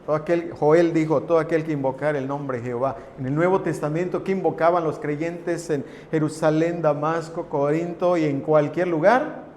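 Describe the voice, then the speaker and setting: A man's voice: a little high, a little mellow, slight background noise. A man preaching a sermon as a pastor, building emphasis on key phrases and addressing the congregation directly. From Mexico. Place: church hall. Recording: long reverb in a large hall.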